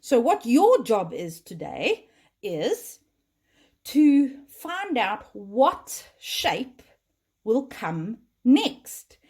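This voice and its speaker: Slow sing-song woman teacher. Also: fairly high pitch, very animated, darkish tone, breathy edge. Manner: slow, sing-song and encouraging, repeating patterns aloud. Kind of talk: early-years lesson for young children.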